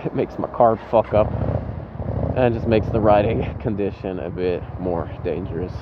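A man's voice: on the low side, normal speed. Muffled man talking inside a motorcycle helmet. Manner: informal, sweary. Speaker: motovlogger. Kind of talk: casual vlog commentary while riding a motorcycle. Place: inside a motorcycle helmet, outdoors on city streets. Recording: dull helmet mic with loud engine and traffic noise.

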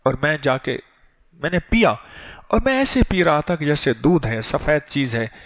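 Man preaching, slightly high voice. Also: lively intonation, measured pace. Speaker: religious teacher. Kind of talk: sermon.

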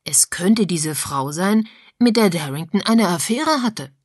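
A woman's voice: on the low side, expressive, unhurried, breathy edge, no room sound, clean studio sound. A woman reading a musing, sly older lady. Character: older woman, thoughtful, slyly sharp.

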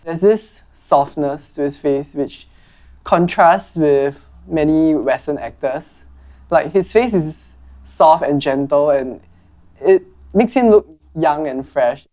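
Low, mellow-voiced young woman, thoughtful interviewee. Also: takes it slowly. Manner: thoughtful, articulate. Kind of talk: casual interview answers.

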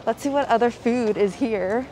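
A woman's voice: fairly high pitch, moderate pace, low-quality recording. A woman vlogging through a face mask, chatting upbeat about food she is tasting outdoors. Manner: chatty, upbeat, tasting and reviewing with little hums. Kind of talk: casual food vlog chat. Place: busy city street outdoors. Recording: loud street crowd behind. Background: crowd and passing traffic.

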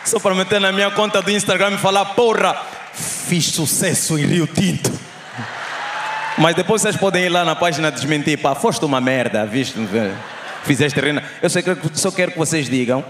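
Brief: young Angolan comic, Portuguese, loud crowd-teasing stand-up in a reverberant hall, raised voice. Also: male voice, a little high, normal speed, slight background noise. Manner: loud crowd-teasing banter, shouted punchlines. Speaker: stand-up comedian. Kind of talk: live stand-up comedy. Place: live comedy show on stage.

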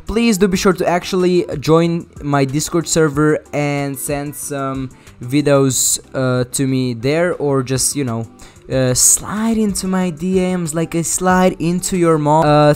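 A man's voice: on the high side, unhurried, a little mellow, clear, resonant tone, faint music behind. A young man hosting casual comedic commentary, joking crudely and rambling. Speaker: commentary YouTuber.

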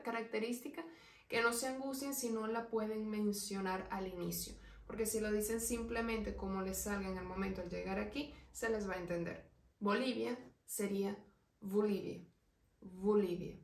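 A woman teaching an online language lesson, explaining patiently and slowing right down to spell out each example word. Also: mid-range voice, distant mic. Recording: roomy echo, voice away from the mic.

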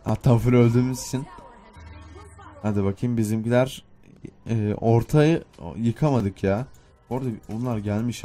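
A man's voice: lowish voice, mellow. A young man giving casual, self-mocking commentary while playing a video game, muttering to himself as he plays. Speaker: gaming YouTuber.

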